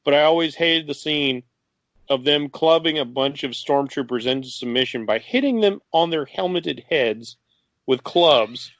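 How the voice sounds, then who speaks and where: A man's voice: fairly high pitch, a little slow, a bit bright, no echo. A man co-hosting a podcast, chatting casually in a rambling, filler-heavy way. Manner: rambling, lots of fillers, laughs easily. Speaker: podcast co-host. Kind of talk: casual chat.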